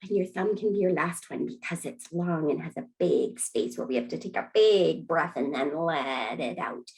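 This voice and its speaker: A woman who facilitates an early years program, gently demonstrating calming breathing techniques with an encouraging manner and easy laughter. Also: low voice, normal speed, vocal fry, rough recording. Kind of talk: friendly instructional demonstration.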